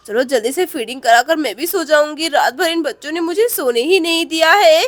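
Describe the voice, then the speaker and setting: A woman's voice: high-pitched, expressive, brisk. A woman voicing a tired young village mother in a doll story, talking in a sleepy, pleading way.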